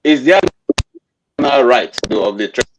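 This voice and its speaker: A man's voice: medium pitch, a little slow. A man cutting in with pressing questions during a heated online panel debate, his audio choppy and breaking up over a bad connection. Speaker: panel participant calling in. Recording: distant, faintly noisy, clicking call line.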